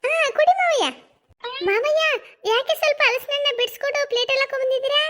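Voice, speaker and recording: A woman's voice: very high voice, fairly even intonation, quick pace, a bit bright. A woman voicing a scheming young daughter-in-law in a cartoon comedy, fussy and coaxing, dropping English catchphrases. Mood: sweet gloating.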